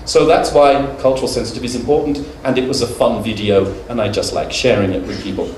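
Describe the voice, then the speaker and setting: Speaking fast in a steady, medium-pitched and slightly mellow voice, a middle-aged British man lectures at a conference. He's conversational and witty, telling anecdotes and using fillers. The hall echoes, the microphone sits far off, and there's faint noise.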